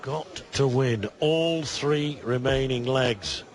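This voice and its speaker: A man giving live darts commentary, measured and analytical, with considered pauses. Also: mid-range voice. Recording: busy crowd behind commentary. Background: darts crowd.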